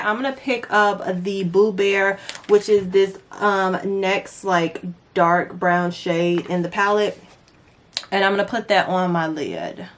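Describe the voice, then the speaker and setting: A woman's voice: medium pitch, a little hiss or hum. Chatty young woman doing makeup. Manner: chatty, playful asides, addresses viewers as y'all. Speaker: beauty vlogger. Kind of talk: casual makeup tutorial chat.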